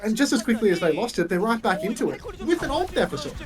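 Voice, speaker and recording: A man's voice: sits high, big pitch swings, fast, crowd noise. A man giving live esports play-by-play as a caster, full of slang and chatty asides.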